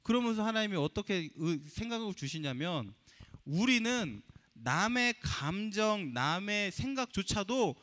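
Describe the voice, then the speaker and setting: A man's voice: high voice, sing-song, measured pace, fairly bright tone. A pastor preaching a sermon to his congregation, asking them rhetorical questions as he goes. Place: church sanctuary. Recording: long reverb of a church hall.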